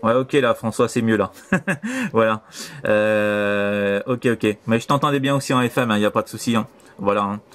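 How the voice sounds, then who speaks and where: Heard over a CB shortwave radio link, this amateur operator from France speaks with a French accent in a lowish, expressive voice that's a bit bright. He keeps a moderate pace while making casual, repetitive radio contact chat on his transceiver.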